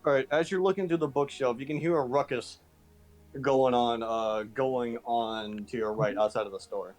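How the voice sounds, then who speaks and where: A man runs a tabletop game as game master, talking over an online call. His narration is halting, full of restarts and fillers, at an ordinary middle pitch. Soft music plays faintly underneath. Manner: hesitant, with many restarts.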